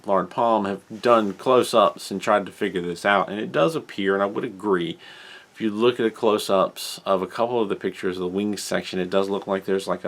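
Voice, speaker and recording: Hiccuping as he goes, a man hosts his hobby channel's casual news segment alone, meandering and self-correcting as he reads model details. His voice sits on the low side with a fairly bright tone.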